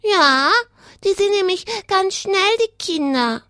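A woman's voice: extremely high pitch, animated, slow, sharp tone, no room sound, studio quality, full character voice. A woman voicing a cheerful, childlike male rabbit puppet that chatters eagerly like a small child on a children's radio show.

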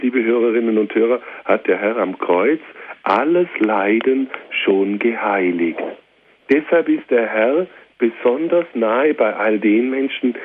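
A man delivers a fervent radio sermon in a mid-range voice, circling back to his phrases and speaking straight to the listener. The sound is narrow and tinny, like a phone line, with a faint hiss underneath. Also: medium pitch. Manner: fervent, repetitive, direct appeals. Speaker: preacher.

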